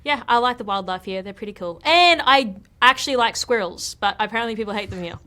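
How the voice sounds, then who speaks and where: A woman's voice: fairly high pitch, lively intonation, fast talker, sharp tone. A woman from Australia with an Australian accent, a podcast guest chatting casually in a direct, talkative way. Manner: chatty and direct, leans on "look" and "like". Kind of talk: casual interview chat.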